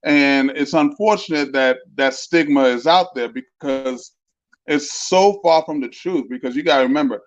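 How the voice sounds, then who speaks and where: A man in his fifties, once a basketball player and now a coach, joins a casual interview as a guest over a video call with a spotty connection. He's an easygoing, rambling storyteller with a somewhat high voice and a moderate pace. The audio is dull, dry and lo-fi.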